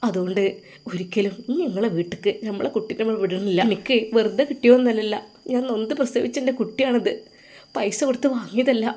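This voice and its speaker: A woman's voice: high voice, fast talker, close to an everyday voice. A woman voicing a grieving mother who pleads through tears to protect her daughter. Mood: tearful. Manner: tearful, pleading.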